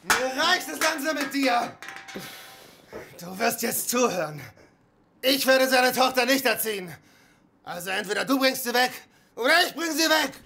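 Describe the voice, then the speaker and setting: A gravelly, bitter stepmother. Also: high voice, expressive, normal speed, long pauses, sharp tone, slight background noise, heavily acted. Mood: furious. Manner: angry and threatening. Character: harsh scolding stepmother, middle-aged woman, bitter temper. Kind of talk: dubbed film drama.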